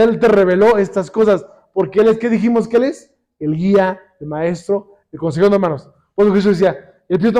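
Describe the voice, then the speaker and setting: High-voiced man teaching a church lesson. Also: dark tone. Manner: constantly quizzes the congregation with call-and-response questions; slows down when quoting scripture. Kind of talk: sermon-style Bible lesson.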